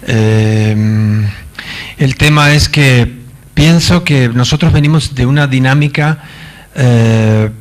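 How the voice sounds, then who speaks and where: A man from Argentina, giving a conference talk in a halting manner with many fillers and wry asides. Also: mid-range voice. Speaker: conference speaker. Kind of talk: lecture. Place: conference stage.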